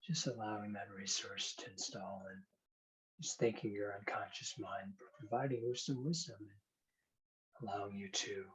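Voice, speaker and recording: A man with a fairly low voice works as a hypnotherapist. He gives gentle, soothing guidance in an unhurried way, as in a hypnosis session. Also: fairly even intonation, low-quality recording. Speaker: hypnotherapist demonstrating a hand induction. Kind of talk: guided hypnosis and explanatory talk.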